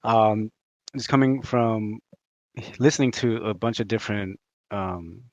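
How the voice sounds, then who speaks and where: A man's voice: on the low side, unhurried, no room sound. A man co-hosting a gaming podcast, chatting casually and choosing his words hesitantly. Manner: hesitant, careful wording. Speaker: podcast co-host. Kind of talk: casual chat. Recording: dull, dry lo-fi audio.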